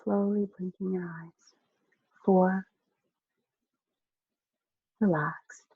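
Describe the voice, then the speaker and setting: Slow soothing hypnosis voice, gravelly and husky, kinda muffled lo-fi sound. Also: medium pitch, fairly even intonation, dry recording. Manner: slow, soft, soothing instructions with long pauses. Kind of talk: guided relaxation hypnosis script.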